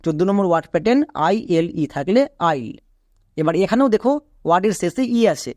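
A woman whose first language is Bengali teaches English spelling and pronunciation, spelling each word out letter by letter and then saying it slowly. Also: lowish voice, animated, warm tone, no echo, clean studio sound.

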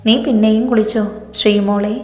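A woman's voice: mid-range voice, little pitch movement, moderate pace, mellow, lightly acted. A woman voicing a playful, chatty young woman who teases her friend. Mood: teasing. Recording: echoey room with long reverb.

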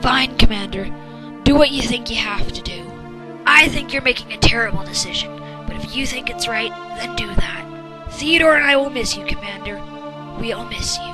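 A woman playing an earnest, defiant soldier in an animated fan drama, firm and pleading. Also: fairly high pitch, moderate pace, music in the background, close to an everyday voice.

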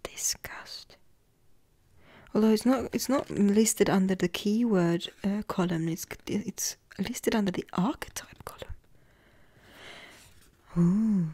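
A woman hosting a tarot deck flip-through at home, talking softly in a half-whisper and gushing over the cute cards. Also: medium pitch, slow, pauses often, breathy edge, no room sound. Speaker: tarot channel host.

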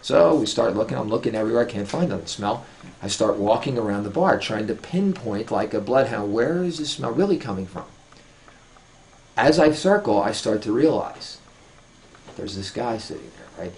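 A man's voice: mid-range voice, creaky. A man telling a long story in a casual, profane way, rambling with many restarts and asides.

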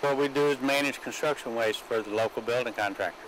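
A man's voice: mid-range voice, quick pace, fairly bright tone, a little hiss or hum, poor audio. A middle-aged man, a business owner answering interview questions outdoors, agreeable and repeating words as he starts. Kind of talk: on-site interview. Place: outdoors at a recycling yard.

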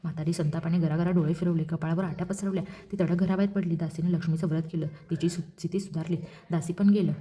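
Brisk low-voiced woman reading aloud. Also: steady tone, warm tone. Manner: brisk rhythmic recitation. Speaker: storyteller. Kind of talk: devotional story reading.

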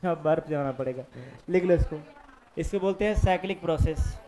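A male physics teacher lectures his students, dictating notes and quizzing them while mixing Hindi and English in a Jharkhand-region accent. His voice is fairly high and warm, and he talks a little fast.

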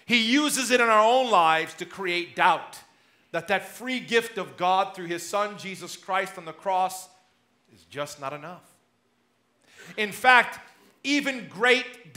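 A high, bright-toned man in his thirties preaches before the altar of a church sanctuary. His voice sits high for a man and rings with a forceful edge. He swings between loud emphasis and quiet drops as he gestures. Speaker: pastor. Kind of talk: sermon.

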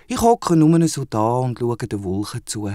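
A man's voice: medium pitch, very animated, unhurried, warm tone, dry recording, clean studio sound. A man with a Swiss German accent voicing a dreamy, not very clever male platypus in a children's audio drama. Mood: lazy. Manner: dreamy, boastful and slightly naive.

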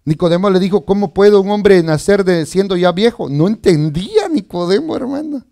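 A man's voice: sits high, animated, moderate pace, gravelly, mellow. A man preaching as pastor, reading scripture and asking the congregation questions in a chatty, conversational way. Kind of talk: sermon.

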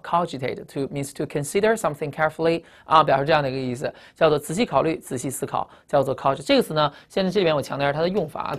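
A woman teaching English vocabulary, spelling out words letter by letter and often asking students whether they remember earlier words. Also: low-pitched. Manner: ends phrases with the particle "啊". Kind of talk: recorded vocabulary lecture.

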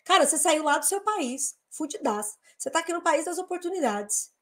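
Blunt high-voiced Brazilian woman host. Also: lively intonation, a little fast. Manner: blunt, emphatic, swings between loud outbursts and quiet asides. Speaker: host of a live business talk. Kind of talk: casual live talk to followers.

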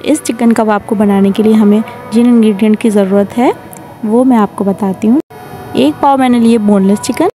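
Chatty woman giving a recipe, mellow voice. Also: a little high, a little hiss or hum. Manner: chatty, repeats "theek hai" often. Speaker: cooking channel host. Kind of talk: recipe tutorial voice-over.

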